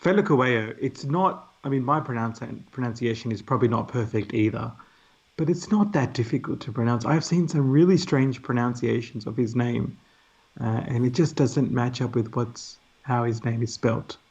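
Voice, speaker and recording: A man's voice: medium pitch, normal speed, darkish tone, husky. A man co-hosting a live cricket stream in casual chat, reading out viewer comments. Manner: chatty, reads out viewer comments. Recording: muffled lo-fi stream audio.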